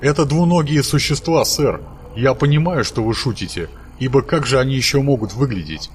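A man doing a higher, fussy archangel. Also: expressive, a little fast, slight background noise, natural voice. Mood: earnest. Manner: polite, dutiful, calls his master sir. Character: fussy, deferential male archangel servant.

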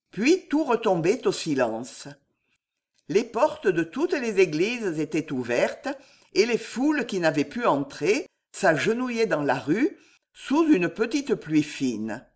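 Audiobook narrator, slow measured reading, lively expressive pitch, literary.

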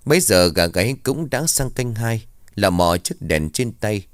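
A man's voice: on the low side, animated, unhurried, no room sound, studio quality. A man narrating a ghost story in a dramatic storytelling manner.

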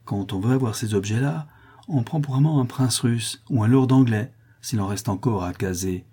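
A man's voice: mid-range voice, moderate pace, dark tone, slightly rough, lightly acted. A man reading aloud and voicing a cool, sarcastic young man of means. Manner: dry, sarcastic.

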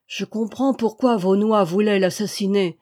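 A woman's voice: mid-range voice, moderate pace, a little mellow, lightly acted. A woman reading aloud, voicing an old male charcoal burner who speaks with fervent, pleading emphasis. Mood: exalted.

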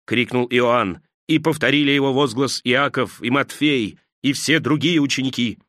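A man narrating a literary story in a measured, solemn reading. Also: medium pitch, fairly bright tone, no room sound, studio quality.

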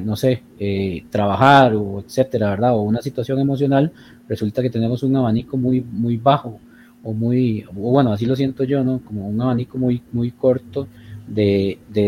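A man's voice: mid-range voice, warm tone, a little hiss or hum. A man speaking, hesitant and reflective, searching for words with many fillers. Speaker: guest. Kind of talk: reflective conversation.

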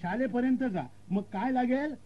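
A man's voice: very high voice, moderate pace, noisy background, voice pushed up. A man voicing a rustic village paan seller who gives rambling directions in country speech, on a dull lo-fi recording.

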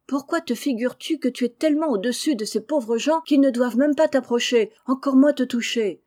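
A kind, earnest young girl in a storybook reading, speaking gently with a raised, soft voice, as a woman narrator puts her on. Her tone stays mellow and patient as she pleads. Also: sits high, a little fast, pitched above the performer's own voice. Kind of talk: audiobook character reading.

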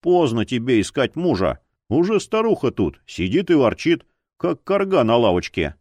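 A man's voice: mid-range voice, big pitch swings, normal speed, a little mellow, no room sound. A man voicing an aging, easygoing male cook who jokes about himself and drawls in banter.

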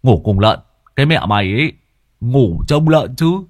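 A man voicing a young farmhand who teases loudly and blusters. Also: on the low side, slow, no echo, studio quality. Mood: mocking. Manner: loud, teasing, blustering. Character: loud mocking young male farmhand who loves to scare.

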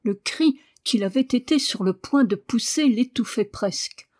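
A woman's voice: fairly high pitch, animated, a little slow, a little mellow. Woman narrating a children's novel. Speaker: audiobook reader. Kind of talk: scripted narration.

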